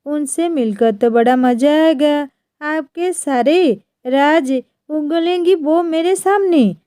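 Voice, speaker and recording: A woman's voice: high voice, slow pace, dark tone, no room sound, clean studio sound. A woman voicing a brash, pushy young bride in a bossy, teasing manner.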